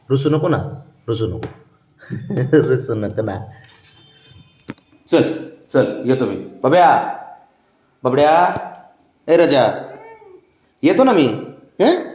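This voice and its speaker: A man at home talking baby talk to his pet cat, coaxing and pleading in a high sing-song voice, recorded on a phone. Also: roomy sound. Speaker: cat owner. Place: home, indoors.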